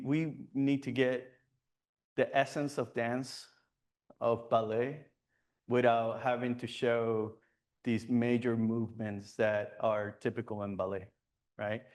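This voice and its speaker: At a photography club meeting, a male guest gives a presentation and takes audience questions in a meeting room. His voice is medium in pitch and a little mellow, and his delivery is loose, full of fillers and restarts.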